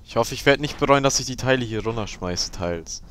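A young man talks through a zombie game in a casual, sarcastic, crude way. His voice sits mid-range, and he jumps and yells whenever something startles him. A faint hiss runs under the recording. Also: mid-range voice, animated, brisk. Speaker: let's play commentator. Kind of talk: casual gameplay commentary.

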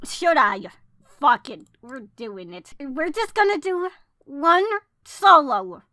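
A woman giving excited, pleading commentary while pulling cards in a mobile game. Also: high voice, slow, no room sound. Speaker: gacha scouting video creator.

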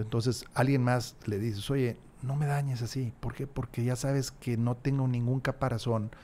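A man's voice: mid-range voice, vocal fry, darkish tone, slight background noise. A man, a podcast guest talking reflectively and emphatically with frequent restarts, on a desk mic in a small studio. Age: 60s. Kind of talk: casual interview chat. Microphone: large desk mic, headphones.

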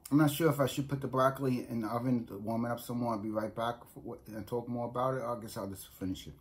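A little hiss or hum sits under this clip of a middle-aged man with a New York accent, who talks fast in a steady, medium-pitched voice. He's vlogging a casual food review into a close phone or webcam in a small room at home, rambling and often restarting and repeating himself.

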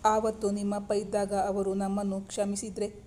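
A woman reading the lines of a kind, caring mother-in-law in a storybook romance, in a gentle, motherly way. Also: medium pitch, completely flat delivery, normal speed, natural voice. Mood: wistful.

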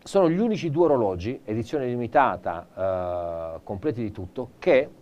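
A male presenter giving a live TV shopping pitch, theatrical and enthusiastic, turning often to an off-screen colleague. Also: animated, normal speed, highs cut off. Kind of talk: live teleshopping sales pitch.

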